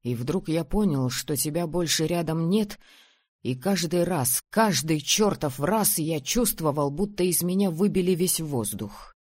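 A reader voicing a tired, tender young man, speaking quietly and slowly in an audiobook, recorded close and dry. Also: medium pitch, animated, no room sound. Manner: quiet, slow and heartfelt. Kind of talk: audiobook reading.

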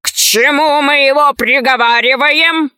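A woman's voice: high-pitched, fairly even intonation, unhurried, sharp tone, dry recording, studio quality. A woman voicing a pompous fat male official who proclaims verdicts at a trial in a storybook reading. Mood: proclaiming.

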